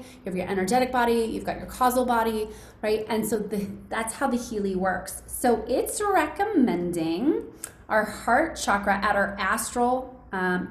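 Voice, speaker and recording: A woman hosting a casual, encouraging live demonstration for a group on a video call, chatty and addressing listeners directly. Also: mid-range voice. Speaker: host demonstrating a wellness device to an online group. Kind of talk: casual enthusiastic live demo, with calm guided relaxation. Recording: roomy echoing video call with faint noise.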